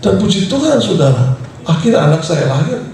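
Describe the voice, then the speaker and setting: A pastor preaching a sermon, telling a personal story in a lively, storytelling way and laughing as he goes. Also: high-pitched, fairly quick, a little hiss or hum. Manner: storytelling, animated, laughing through anecdotes. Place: church sanctuary. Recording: echoey church hall from far off.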